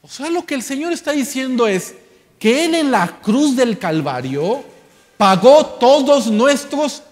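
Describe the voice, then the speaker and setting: A man preaching a sermon, slow and emphatic, asking the congregation rhetorical questions. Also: extremely high pitch, sing-song. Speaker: pastor. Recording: long church hall reverb.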